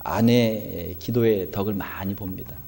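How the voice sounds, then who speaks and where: A man's voice: on the low side, steady tone, unhurried, creaky, warm tone. A male pastor preaching a sermon in a conversational style, full of rhetorical questions. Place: church sanctuary. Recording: reverberant church hall.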